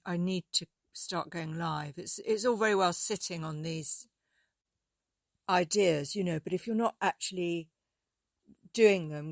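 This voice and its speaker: A woman's voice: lowish voice, no echo, clean studio sound. A middle-aged woman hosting a casual solo podcast, rambling with fillers and restarts, her voice getting tired. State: losing her voice. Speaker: podcast host and music teacher.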